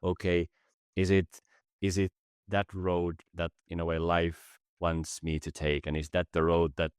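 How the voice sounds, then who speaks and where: Thoughtful and halting, this native Finnish speaker from Finland is a business facilitator guesting on a podcast, reflecting slowly in conversation. His voice is deep, flat, clear and resonant, and he trips over and repeats words while hunting for ideas; the sound is dry, with no room echo.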